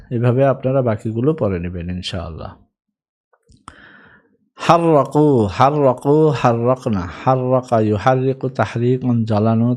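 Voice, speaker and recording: A man's voice: mid-range voice, a little mellow. A man teaching an Arabic grammar lesson, patiently drilling verb forms one by one.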